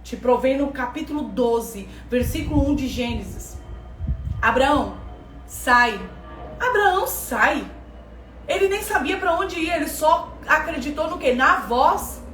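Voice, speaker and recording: A woman's voice: high voice, lively intonation, normal speed, hardly any pauses, a bit bright, slight background noise. A woman with a Brazilian accent giving a preaching lesson, emphatic and repeating phrases for stress. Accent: Brazilian Portuguese. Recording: echoey room from far off, faint ambience.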